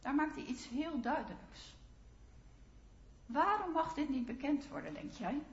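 A woman's voice: sits high, animated, unhurried. A woman preacher giving a sermon, speaking earnestly and addressing her listeners directly. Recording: roomy, slightly dull sound.

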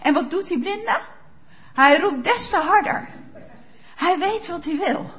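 A woman's voice: very high voice, unhurried, lo-fi sound. A woman preacher giving a sermon, speaking emphatically and asking rhetorical questions of her listeners. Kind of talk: sermon with Bible reading.

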